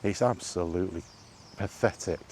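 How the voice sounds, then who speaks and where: A British man speaks at normal speed in a deep, slightly mellow voice, letting loose an exasperated, sweary rant as a gaming vlogger might while walking. He keeps repeating rhetorical questions. The recording is outdoors, and the background noise is clear.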